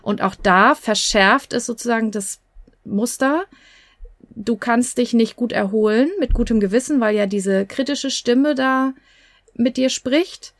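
A woman's voice: on the high side, measured pace, no echo, studio quality. A woman coach and podcast host giving advice in a conversational, explanatory way, with fillers here and there.

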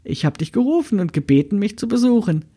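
A woman voicing a kind, mysterious old grandmother with a calm, gently teasing way of talking. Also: mid-range voice, quick pace, breathy edge, pitched above the performer's own voice. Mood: kindly.

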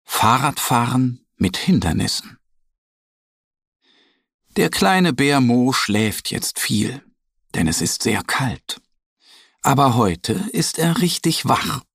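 A man narrating a children's story in a slow, lively storytelling manner. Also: medium pitch, gravelly, breathy edge, no room sound, studio quality.

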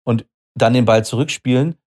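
A man's voice: mid-range voice, normal speed, a little mellow. A man, a father, explaining his view earnestly in a casual podcast chat.

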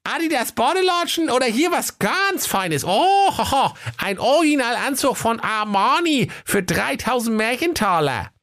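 A man voicing a cheeky, crooked shopkeeper with cocky sales patter in a very high, squeaky voice. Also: sing-song, moderate pace, hardly any pauses, sharp tone, heavily acted. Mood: chummy.

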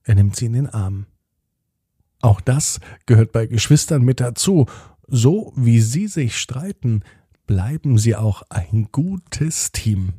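A man reading a children's bedtime story in a gentle, steady way. His voice is dark and husky, and the sound is dry and close. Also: medium pitch, takes it slowly, dry recording.

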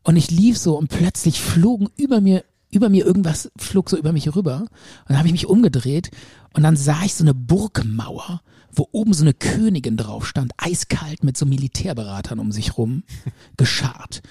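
A man's voice: a little high, normal speed, breathy edge, no room sound, studio quality. A man casually telling a long story on a podcast, rambling and acting out the quotes. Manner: animated, rambling, acts out quotes. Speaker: podcast co-host.

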